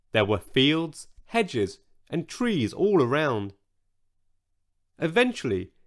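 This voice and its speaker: A man narrating a children's bedtime story audiobook in a gentle, expressive way. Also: on the high side.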